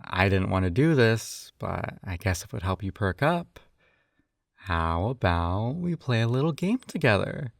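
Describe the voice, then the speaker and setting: With a fairly low, gravelly voice that swings widely in pitch at an unhurried pace, this audio roleplay performer acts as a coaxing male yandere captor and hypnotist. He's doting, possessive, slightly condescending, and often sighs; the sound is clean studio audio with no echo.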